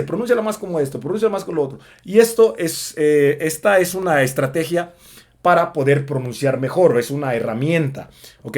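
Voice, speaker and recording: A man giving a casual spoken English lesson, chatty with lots of fillers. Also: fairly high pitch. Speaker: English teacher.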